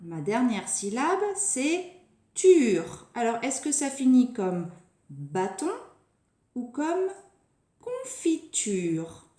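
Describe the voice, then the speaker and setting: A woman teacher speaks to young children with a high, lively voice that swoops up and down. Her tone is mellow and she draws out each word slowly, repeating it with care. The sound carries the echo of a bare room. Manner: slow, deliberate, stretches and repeats words for children. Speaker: preschool teacher. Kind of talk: recorded lesson for young children. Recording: echoey room.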